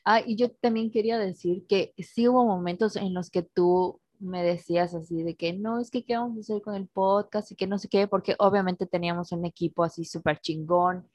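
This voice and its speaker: A woman's voice: mid-range voice, fairly even intonation, normal speed, hardly any pauses, darkish tone, no echo. A woman with a Mexican accent, co-hosting a casual podcast chat and reacting with slang. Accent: Mexican Spanish.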